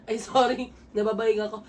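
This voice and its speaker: A hoarse woman, chatting casually as a vlogger while unboxing gifts at home, switching between English and Tagalog. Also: a little high. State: hoarse from a sore throat. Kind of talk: casual gift-unboxing chat. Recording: distant mic, faint room noise.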